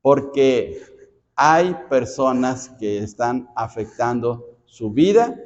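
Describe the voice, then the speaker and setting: A man's voice: medium pitch, animated, slow pace, darkish tone. A male pastor with a Mexican accent leading a Bible study, talking conversationally, repeating words and often checking in with the congregation. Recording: dull sound with long hall reverb.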